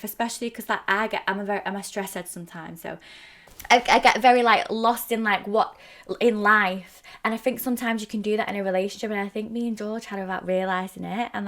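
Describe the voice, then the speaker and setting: A woman's voice: mid-range voice, fairly quick, a bit bright. Chatty young woman rambling through a story. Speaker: podcast co-host. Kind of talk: casual chat.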